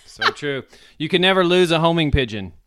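A man's voice: fairly high pitch, animated, fairly quick, a bit bright, clean tone. Chuckling man telling corny jokes. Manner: chuckling, corny joke delivery. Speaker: podcast co-host. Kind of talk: casual joke-telling chat.

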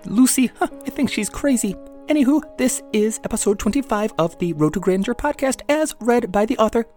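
A man voicing a tiny, boastful male pixie in a storybook reading, chirpy and much higher than his own voice. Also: expressive, brisk, darkish tone, faint music behind. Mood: cheeky.

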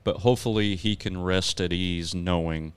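A man's voice: sits low, fairly even intonation, normal speed, clean tone, dry recording. A man hosting a podcast in easygoing casual chat, laughing often. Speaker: podcast host.

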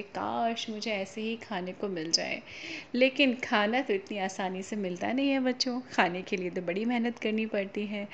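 A woman's voice: a little high, lo-fi sound, a little hiss or hum. A woman telling a fable to children, stopping to explain things and ask them questions. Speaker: storyteller for children. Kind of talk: storytelling to children.

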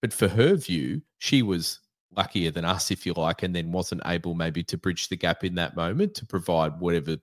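A man with a deep, low voice co-hosts a podcast in relaxed, reflective conversation. He talks in a measured way with plenty of fillers. The sound is close and dry. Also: no echo. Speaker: podcast co-host. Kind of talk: casual conversation.

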